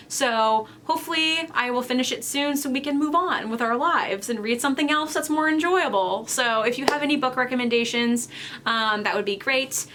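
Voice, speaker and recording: A woman's voice: a little high, a bit bright, slight background noise. A tired young woman hosting a knitting podcast, chatting casually and rambling with lots of fillers, recorded at home. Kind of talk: casual chat.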